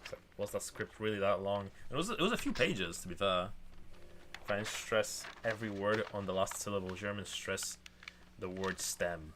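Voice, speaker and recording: A man's voice: on the low side, expressive, normal speed, noisy background. A man streaming a point-and-click game, making offhand, muttered remarks as he plays. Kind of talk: casual game commentary. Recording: game music behind.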